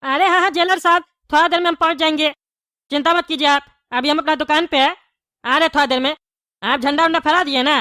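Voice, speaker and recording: A woman voicing a quick-tempered bald male shopkeeper in a cartoon, full of sales patter. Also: sits high, fairly even intonation, no echo. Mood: salesy. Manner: salesman patter that flips to shouting. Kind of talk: cartoon comedy voice acting.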